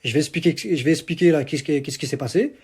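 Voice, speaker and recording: A young man from Algeria rants into his phone in a casual vlog. He talks fast in a fairly high voice, boastful and repetitive, piling oath on oath. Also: a little mellow, breathy edge. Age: young adult. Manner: boastful, repetitive swearing on the Quran. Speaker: social media personality.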